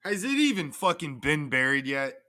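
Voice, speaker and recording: A man's voice: on the high side, sing-song, moderate pace, sharp tone. A man hosting a livestream, crudely and profanely mocking in a casual rant. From Canada. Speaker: livestream host.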